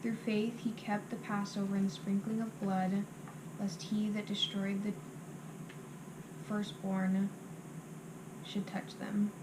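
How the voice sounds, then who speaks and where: A woman recites scripture by rote in a flat, narrow-ranged voice at a medium pitch. Her phrases come in short, halting pieces, as if recalled from memory. The recording has clear background noise. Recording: clearly noisy amateur recording.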